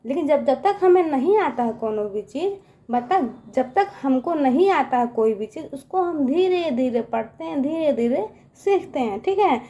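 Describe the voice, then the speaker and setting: High-voiced woman teaching children. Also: lively intonation, normal speed, warm tone. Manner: coaxing, repeats "ठीक है" and "बच्चों" often; stretches syllables when sounding them out. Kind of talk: children's lesson.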